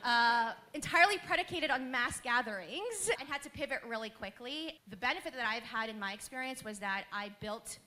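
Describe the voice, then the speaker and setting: A woman, speaking on a panel with lively storytelling and laughter. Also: fairly high pitch, brisk, hardly any pauses. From Queens, New York. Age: 30s. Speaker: panelist, business owner. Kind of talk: panel talk to a live audience.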